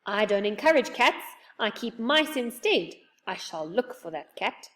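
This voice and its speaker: A woman's voice: medium pitch, big pitch swings, a little slow, fairly bright tone, recorded from a distance. A woman voicing a cheerful, muddled, hard-of-hearing old man from a children's storybook, exclaiming emphatically. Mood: indignant, muddled. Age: older. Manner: emphatic, exclaiming, eagerly mishearing. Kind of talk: children's storybook character reading.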